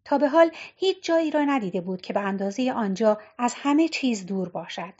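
A woman narrates an audiobook in a measured, even way. Her voice sits fairly high. The recording sounds dull and lo-fi. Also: breathy edge. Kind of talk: scripted narration.

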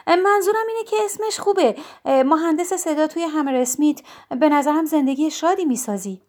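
Bright, eager young sister in an audiobook, coaxing and teasing, read by a woman. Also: sits high, lively intonation, voice pushed up. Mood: playful.

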